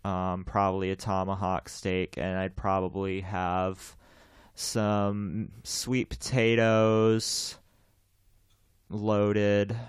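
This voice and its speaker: A young man in his twenties hosts a podcast in loose, rambling chat, often repeating himself and breaking into laughs. His lowish voice is smooth and resonant. The sound is dry and close, with no room echo. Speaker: podcast host. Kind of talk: casual chat.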